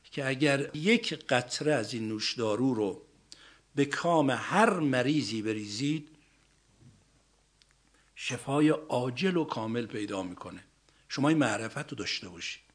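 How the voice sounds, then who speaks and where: A man preaching a sermon, stressing points with loud rises, then dropping soft and slowing down on key ideas. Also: mid-range voice. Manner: emphatic, swings between loud rising stresses and soft drops.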